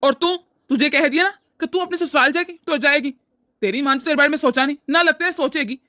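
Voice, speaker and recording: A woman's voice: high-pitched, quick pace, sharp tone, no room sound, clean studio sound. A woman voicing a stern older father in a cartoon, lecturing his wife and daughter reproachfully. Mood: scolding. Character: stern scolding older father-in-law, man. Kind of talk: cartoon voice acting.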